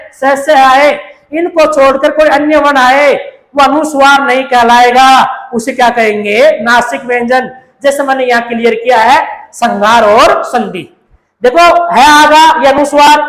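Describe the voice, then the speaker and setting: High-voiced woman teaching in an echoey room. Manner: asks questions and answers them herself, repeating key terms. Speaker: grammar teacher. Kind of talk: classroom grammar lecture.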